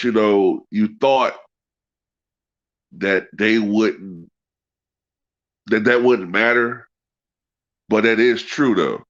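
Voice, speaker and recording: Deep-voiced man, badly congested with a stuffed nose. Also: a bit bright, highs cut off. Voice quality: congested, stuffed-nose nasal sound from a cold. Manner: profane, colloquial, peppered with "man" and "you know". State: congested with a head cold, clearing throat. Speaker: sports talk livestream host. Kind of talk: casual rambling chat to live viewers.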